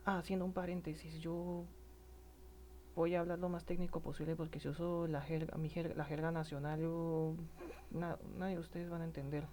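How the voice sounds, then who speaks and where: A man from Colombia with a regional Colombian accent, speaking in a personal monologue, halting and stammering with many restarts, earnest and indignant. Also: fairly high pitch, flat delivery, mellow, a little hiss or hum. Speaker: citizen speaking about protests.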